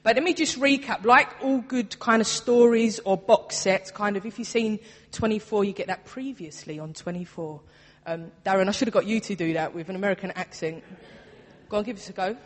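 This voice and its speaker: A woman's voice: medium pitch, a little fast. A young woman with a Cockney accent giving a chatty, self-mocking Easter talk to a congregation as a youth worker, laughing often. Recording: long hall reverb.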